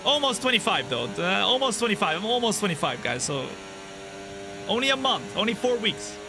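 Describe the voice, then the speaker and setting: Brisk and gravelly, a sim racing streamer in his twenties commentates live while chatting with his audience, excitable and jumping high in the race action, laid-back otherwise. Background noise, race car engines, and game music come through too.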